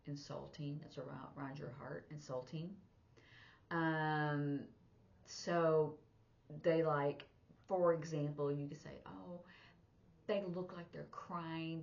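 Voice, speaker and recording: Speaking in a low voice over dull-sounding audio, a sign language teacher and interpreter delivers a casual spoken lesson. Her explanations wander conversationally and lean on examples.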